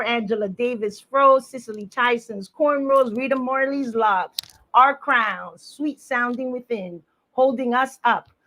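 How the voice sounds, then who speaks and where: A woman's voice: on the high side, pushed and bright. Emphatic woman opening a panel. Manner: rhythmic, emphatic, with Spanish phrases. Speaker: panel opener and poet. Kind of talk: spoken word poem then casual welcome. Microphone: video call.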